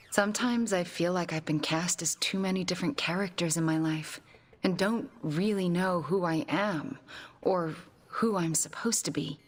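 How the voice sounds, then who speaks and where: Scarlet Witch, a husky, sardonic witch. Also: lowish voice. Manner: sardonic, blunt. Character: witch, brooding and self-doubting, from Transia. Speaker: game character. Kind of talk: video game cutscene acting.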